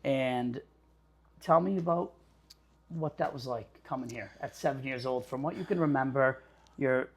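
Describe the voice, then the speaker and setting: A man's voice: medium pitch, moderate pace, husky. Upbeat man hosting an interview. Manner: upbeat, flattering, talks in long run-on lists. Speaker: podcast host. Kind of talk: conversational interview.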